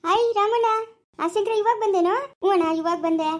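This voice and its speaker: A woman's voice: extremely high pitch, a little fast, darkish tone. A woman with a rural Chikkaballapur Kannada accent acting in a family skit, speaking in a pleading, reassuring way.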